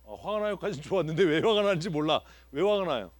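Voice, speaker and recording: Lively Korean pastor quizzing his congregation. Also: fairly high pitch, fast talker, no echo. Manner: asks the congregation questions and repeats answers. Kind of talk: interactive Bible teaching. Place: church sanctuary.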